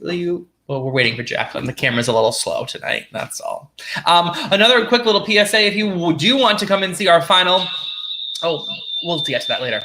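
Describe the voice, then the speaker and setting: A man's voice: sits high, heavy background noise. A man hosting a casual live show with campy drag queen banter. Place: indoor show set beside a kitchen. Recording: echoey room, clicks.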